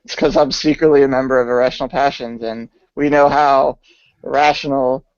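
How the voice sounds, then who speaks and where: A man's voice: medium pitch, steady tone, fairly quick, smooth, dry recording. A young man co-hosting a podcast in casual chat, tossing in wisecracks. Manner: wisecracking interjections. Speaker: podcast co-host. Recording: dull lo-fi podcast audio.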